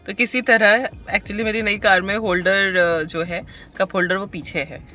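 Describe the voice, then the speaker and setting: A woman from India vlogging in a casual, chatty way. She mixes English phrases into her Hindi and tries to keep her pace slow and calm. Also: mid-range voice. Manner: tries to talk slowly and calmly. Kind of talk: casual vlog chat to camera.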